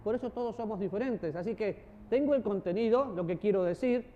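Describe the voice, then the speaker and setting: Animated man preaching in a hall. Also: high voice, brisk. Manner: animated, acts out voices and gestures, jokes with the audience. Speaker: preacher and teacher. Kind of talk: church teaching talk. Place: church hall. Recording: dull audio with long hall reverb.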